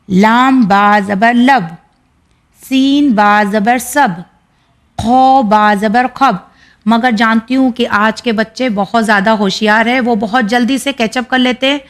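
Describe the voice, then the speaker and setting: Patient woman teaching reading, higher voice. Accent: Indian Urdu. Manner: patient, repeats syllables slowly and clearly. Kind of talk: teaching lesson.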